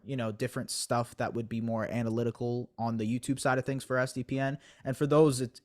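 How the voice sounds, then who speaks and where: A young man talks through his thinking in a relaxed podcast chat. He circles back on himself, stacks up fillers and restarts, and pokes fun at himself as he goes. His voice sits at an ordinary middle pitch for a man. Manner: thoughtful, self-deprecating, lots of fillers and restarts. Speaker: basketball analyst guest. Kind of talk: conversational podcast interview.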